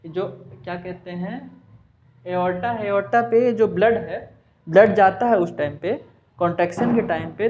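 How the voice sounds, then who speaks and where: A man's voice: high voice, highs cut off. A man teaching a science class, with a Hindi accent, who asks and answers his own questions and mixes in English terms. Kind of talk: class lesson.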